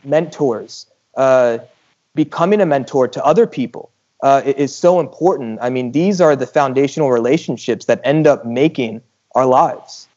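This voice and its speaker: A man's voice: mid-range voice, normal speed, darkish tone, highs cut off. A man co-hosting a podcast, talking earnestly with stammering restarts. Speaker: podcast host. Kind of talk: casual interview chat.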